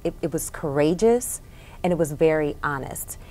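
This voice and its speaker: Woman host, slightly low voice, hyped and encouraging, casual interview. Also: animated, moderate pace. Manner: warm, enthusiastic, lots of mm-hmms. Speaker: radio and TV host.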